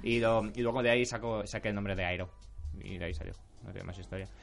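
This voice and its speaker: A young man talks at a rapid clip in a loose, relaxed group chat. He trips over his words and restarts sentences as he goes. Soft music sits faintly behind him. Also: fairly low pitch, creaky. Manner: fast, stumbling restarts. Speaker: host of a radio show.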